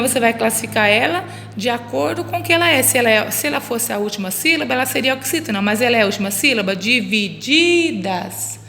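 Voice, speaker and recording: A woman's voice: fairly high pitch, sharp tone. A woman teaching children a lesson, stretching out words syllable by syllable and answering her own questions. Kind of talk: recorded remote class for children. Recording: reverberant room, faint background noise.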